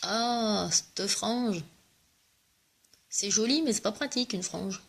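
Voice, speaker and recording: A woman's voice: mid-range voice, animated, slow pace, breathy edge. A young woman with a cough, chatting casually and joking at her own expense while doing a makeup tutorial. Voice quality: joking, self-mocking, chatty. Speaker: makeup vlogger selling cosmetics.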